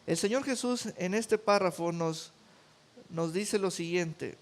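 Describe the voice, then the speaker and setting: Slow, high-voiced preaching man. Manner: emphatic preaching with repeated words. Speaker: pastor. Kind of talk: sermon.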